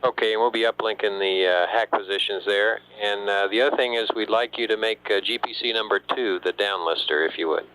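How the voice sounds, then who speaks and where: A man's voice: on the low side, steady tone, a little fast, few pauses, pushed and bright, low-quality recording. A man at mission control giving businesslike, technical instructions over space radio as capsule communicator. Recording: hissy space-to-ground radio.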